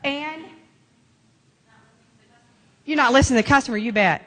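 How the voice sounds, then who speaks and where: High-voiced woman giving a lively sales talk. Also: normal speed, long reverb tail. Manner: lively, chatty, laughs often, plays to the audience. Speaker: sales trainer. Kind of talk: live conference talk. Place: conference room.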